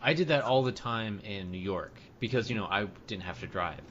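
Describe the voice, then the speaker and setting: A man co-hosting a podcast, dry and deadpan in casual chat. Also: on the low side, moderate pace, lo-fi sound, background noise. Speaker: podcast co-host.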